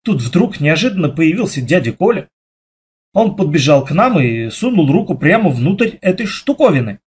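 Lively, husky male storybook narrator. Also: on the high side. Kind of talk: expressive children's audiobook reading.

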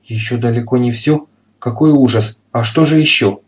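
A man's voice: mid-range voice, moderate pace, natural voice. A meek, flustered lodger, voiced by a male reader, earnest and easily rattled. He speaks in a plain, everyday voice that turns a touch anxious.

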